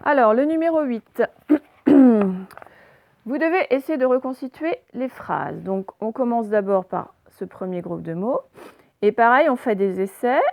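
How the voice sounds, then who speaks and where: A woman teacher giving a recorded reading and spelling lesson to young children, speaking slowly and patiently and sounding out syllables and letters. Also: medium pitch, creaky, a little mellow, dry recording. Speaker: primary school teacher.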